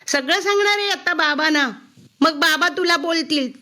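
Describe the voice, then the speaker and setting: A woman voicing a defiant sixth-grade girl who shouts bitterly at her mother. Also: high voice, very animated, unhurried, full character voice. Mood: shrill defiance.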